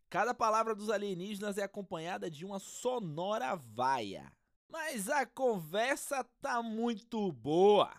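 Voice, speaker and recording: Theatrical sports-radio narrator with animated pitch. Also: no room sound, studio quality. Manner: theatrical, urgent. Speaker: podcast narrator and host. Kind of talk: scripted comic drama narrated as football radio commentary.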